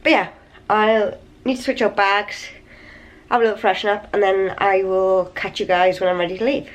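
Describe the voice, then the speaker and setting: A woman chatting casually to her camera in a hotel room, slightly raspy and a little wheezy from a cold, rambling and tired. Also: mid-range voice, flat delivery, moderate pace. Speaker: vlogger. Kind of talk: casual vlog chat to camera. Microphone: handheld camera.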